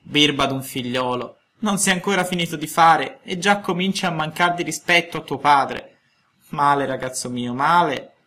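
A man voicing a touchy, fatherly old male woodcarver in an audiobook, exclamatory and quick to take offense. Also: mid-range voice, sing-song, pushed and bright, pitched above the performer's own voice. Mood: sorrowful. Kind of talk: audiobook character voice.

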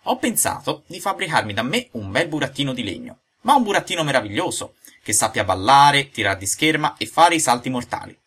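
A man voicing a hot-tempered old male woodcarver in a storybook reading, with high shrill outbursts and quick anger. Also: very animated. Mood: eager. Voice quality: shrill, shouting.

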